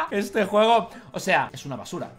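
A young man with a Spain Spanish accent giving excitable let's-play commentary, bursting into shouts and laughter. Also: sits high, brisk. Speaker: gaming YouTuber.

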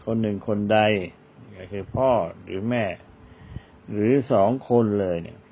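A man's voice: measured pace, gravelly, slight background noise. A man giving an Islamic religious lecture, reciting Arabic verses and explaining them. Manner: recites Arabic verses then explains in Thai, acts out quoted speech. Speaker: Islamic teacher. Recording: tinny phone-like low-fi recording.

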